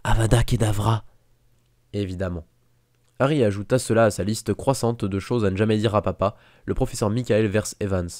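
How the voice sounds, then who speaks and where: A man narrating a fan audiobook in a steady, measured reading. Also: lowish voice, dry recording, studio quality. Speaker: audiobook reader.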